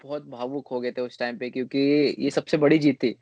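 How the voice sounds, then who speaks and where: Male cricketer in his 20s, interview guest, halting delivery with fillers, dry lo-fi recording. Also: medium pitch, little pitch movement, warm tone, no room sound. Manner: hesitant, many fillers and restarts. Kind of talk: casual interview answers.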